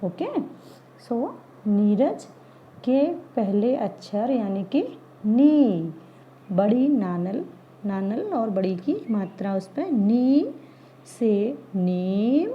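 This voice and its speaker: A woman teacher slowly taking young children through letters and sounds, sounding each one out patiently. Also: medium pitch, animated. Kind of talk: children's Hindi lesson. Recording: dull lo-fi recording.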